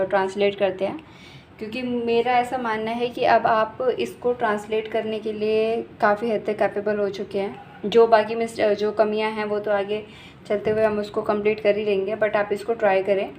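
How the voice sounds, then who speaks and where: A woman English teacher explaining grammar in a casual, patient way, often checking in and correcting herself as she goes. She slows right down to read out the English example sentences. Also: mid-range voice, darkish tone, a little hiss or hum. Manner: slow, deliberate reading of English example sentences; frequent "ठीक है" check-ins and self-corrections.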